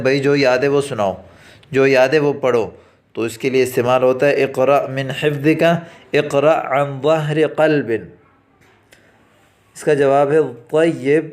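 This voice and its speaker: Man slowly teaching Arabic phrases. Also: medium pitch. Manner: slow, drawn-out reading of Arabic phrases, then quick Urdu explanation. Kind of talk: classroom lesson explaining Arabic phrases in Urdu. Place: academy lesson recording.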